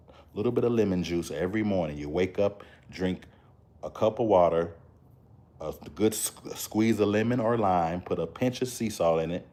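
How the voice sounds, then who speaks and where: A man's voice: sits low, warm tone. A man, talking casually to camera with a preachy, emphatic, repetitive manner. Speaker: motivational vlogger. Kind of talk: casual motivational talk to camera.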